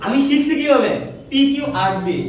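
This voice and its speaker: A male physics teacher lecturing a class, firing quick questions and repeating answers in a call-and-response drill. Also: extremely high pitch, animated, a crowd in the background. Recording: echoey room, mic far off.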